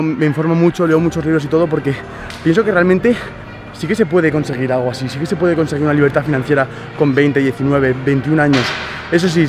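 A young man from Spain, talking to his viewers in a casual, energetic vlog with plenty of slang, wearing a clip-on mic in a big gym. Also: a little high. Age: young adult. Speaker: vlogger. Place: large indoor gym. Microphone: small clip-on lapel mic.

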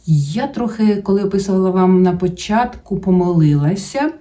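A woman's voice: medium pitch, expressive, moderate pace, dark tone, recorded from a distance. A woman hosting a book channel, chatting casually about her reading, rambling with many fillers and restarts. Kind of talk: casual book-review chat to camera.

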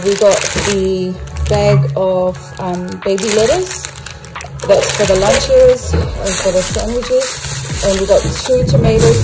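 A woman in her thirties from New Zealand talks through her weekly groceries in a loose, chatty way. She stops often for ums and small restarts. The sound is a phone held at arm's length, with clear music playing underneath. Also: mid-range voice. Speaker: family vlogger. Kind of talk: casual grocery haul narration.

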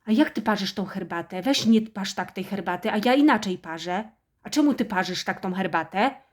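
A woman playing a self-pitying, house-proud, harsh middle-aged mother in a satirical character monologue, nagging and turning shrill when she scolds. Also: lively intonation, moderate pace, close to an everyday voice.

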